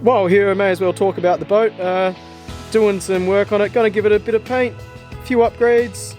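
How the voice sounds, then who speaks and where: A rambling, easygoing Kiwi boatyard bloke, as a man puts on the accent for a laugh, his voice pitched up above his usual and pushed a little louder. He talks in loose, chatty asides and calls everyone bro. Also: fairly even intonation, fairly quick, faint music behind, close to an everyday voice. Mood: laid-back. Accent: put-on New Zealand. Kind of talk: comic impression in a vlog.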